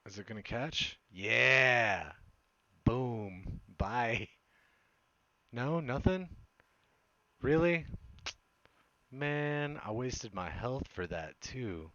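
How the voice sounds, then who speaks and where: A man's voice: medium pitch, animated, takes it slowly, no room sound, dull audio. A man chatting casually as he streams gameplay, rambling and hesitant, with a self-deprecating manner and a smoker's voice. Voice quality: smoker's voice with occasional cough. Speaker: game streamer. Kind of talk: casual live gameplay chat.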